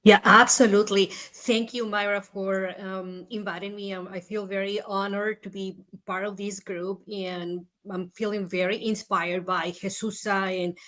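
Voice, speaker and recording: A middle-aged woman from Mexico introducing herself on a webinar, measured, with frequent pauses and fillers. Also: medium pitch, flat delivery, sharp tone. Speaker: webinar panelist.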